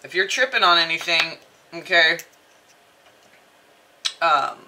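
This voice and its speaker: A woman with a very bright, sharp voice reads tarot in a casual, chatty way. She rambles playfully and slips into mock-dramatic asides. There is some background noise with clicks on the recording. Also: lowish voice, lively intonation, slow, poor audio. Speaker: tarot reader.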